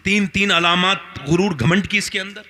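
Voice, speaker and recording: A man's voice: high voice, fairly even intonation, normal speed, pushed and bright. A male Islamic preacher delivering a storytelling sermon. He speaks with animation and keeps putting rhetorical questions to his listeners.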